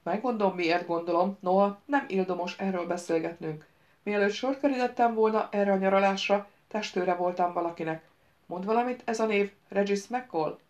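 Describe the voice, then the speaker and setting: A woman reading the part of a sharp-tongued young woman, a former bodyguard, with a cool, cutting manner, in an audiobook. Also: medium pitch, muffled recording, close to an everyday voice.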